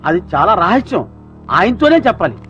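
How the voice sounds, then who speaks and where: Comic schemer, quick, very high and lively, dull film audio. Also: male voice, exaggerated voice. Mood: scheming comic. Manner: excitable, fast, swears and cheers loudly. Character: scheming comic sidekick in the forest. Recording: dull film soundtrack with music.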